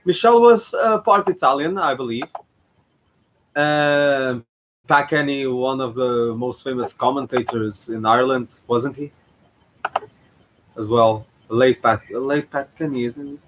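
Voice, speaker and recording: A man's voice: mid-range voice, measured pace, long pauses, fairly bright tone, slight background noise, low-quality recording. A man hosting his own channel, giving casual reaction commentary in a hesitant way, with frequent fillers and restarts. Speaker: channel host reacting to a past contest.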